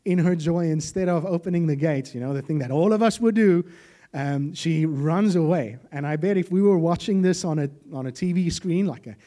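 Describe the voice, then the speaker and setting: A man preaching a sermon, lively and joking, with animated asides. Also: on the high side, brisk.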